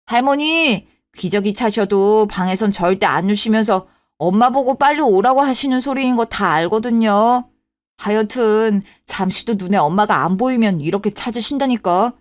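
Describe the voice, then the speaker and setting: A woman's voice: mid-range voice, moderate pace, no room sound. A voice actress playing a patient, placating daughter-in-law and mother in a radio drama. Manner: gentle, placating. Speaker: voice actor. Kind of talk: Korean radio drama acting.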